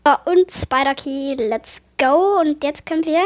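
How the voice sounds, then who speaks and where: Excitable high-voiced German gamer woman. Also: measured pace. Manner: excitable, easily startled, chatty. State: a little sick, voice affected. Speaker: gaming YouTuber. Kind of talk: horror game let's play commentary.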